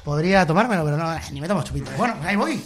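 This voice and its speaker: Animated Spaniard with lively pitch. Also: male voice, rapid-fire, crowd noise. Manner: animated, playful, mimics sounds. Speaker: podcast co-host presenting his section. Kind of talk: casual banter.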